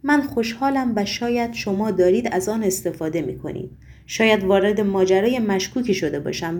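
Unhappy married woman, pleading and emotional as a woman narrator reads her, audiobook, medium pitch. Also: darkish tone, slight background noise, close to an everyday voice. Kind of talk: audiobook reading.

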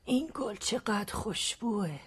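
A woman playing a fretful, husky old aunt. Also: mid-range voice, animated, dry recording. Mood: worried. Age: older. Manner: fretful and pleading. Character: fussy, doting elderly aunt. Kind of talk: radio drama acting.

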